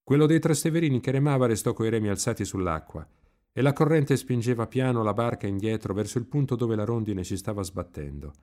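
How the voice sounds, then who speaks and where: A man reading a novel aloud in an expressive, lively literary narration. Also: mid-range voice, a little fast. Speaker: reader.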